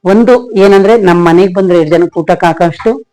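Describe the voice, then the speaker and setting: A woman's voice: on the low side, fairly quick, mellow, low-quality recording. A woman vlogger telling a personal story in a rambling, emotional way, often calling her viewers friends. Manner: emotional, reflective.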